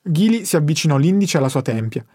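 Calm male audiobook narrator. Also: fairly high pitch, fast, slightly rough, no echo, clean studio sound. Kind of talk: scripted narration.

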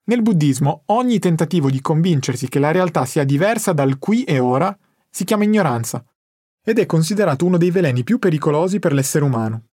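Calm male audiobook narrator. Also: on the high side, fairly quick, dry recording, studio quality. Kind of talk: scripted narration.

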